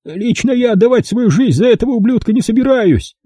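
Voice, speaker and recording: A man voicing a squeaky, cowardly male accomplice, eager to betray his boss. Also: expressive, brisk, warm tone, slightly rough, dry recording, clean studio sound, exaggerated voice.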